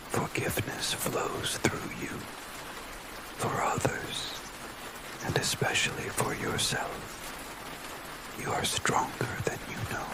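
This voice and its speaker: A man whispers ASMR bedtime tales and affirmations in a soft, breathy spa whisper, gentle and soothing, as in guided relaxation. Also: rough recording. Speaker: ASMR sleep storyteller.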